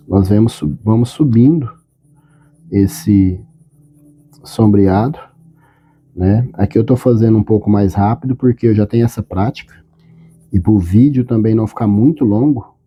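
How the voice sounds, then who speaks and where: A man teaching a step-by-step drawing tutorial, calm and patient, often checking in with short questions. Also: on the low side, breathy edge, dull audio.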